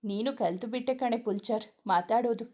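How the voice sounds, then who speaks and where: A woman's voice: on the high side, moderate pace, dull audio, close to an everyday voice. A woman voicing a playful, affectionate young husband in a read-aloud romance story, in a teasing, doting manner.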